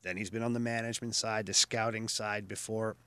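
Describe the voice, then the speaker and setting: A man co-hosting a casual sports podcast, giving opinionated, animated takes on hockey trades and staff moves. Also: fairly low pitch, brisk, clear, resonant tone, dry recording. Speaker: podcast co-host.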